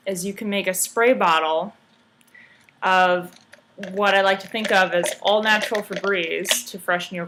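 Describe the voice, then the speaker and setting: A woman giving a casual how-to vlog in a hungover, sluggish, halting way, with dry tongue-in-cheek delivery. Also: medium pitch, a bit bright. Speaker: vlogger giving garment care tips. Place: indoors.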